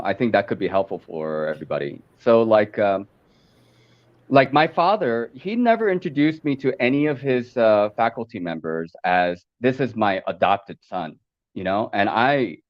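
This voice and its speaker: A man born in Korea and raised in America, chatting over a call and talking haltingly with many fillers and restarts. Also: medium pitch, expressive, highs cut off. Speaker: podcast guest. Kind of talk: casual chat over a call. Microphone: video call.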